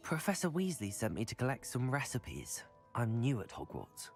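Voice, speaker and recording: A man's voice: mid-range voice, wildly swooping pitch, moderate pace, faint music behind. A young man playing a polite, earnest new student wizard in a fantasy video game, reserved and inquisitive.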